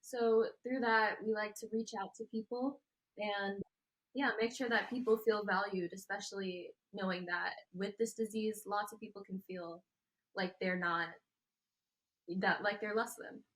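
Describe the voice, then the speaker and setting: Soft-spoken young woman advocate. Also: mid-range voice, fairly even intonation, unhurried, poor audio. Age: young adult. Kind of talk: interview answers.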